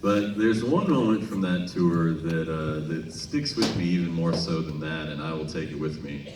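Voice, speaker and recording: Between songs at a large casino concert venue, a low-voiced American singer from Minnesota tells humorous stories to the audience, keeping it conversational and pausing deliberately before punchlines. The live hall sounds echoey, with distant, noisy PA audio.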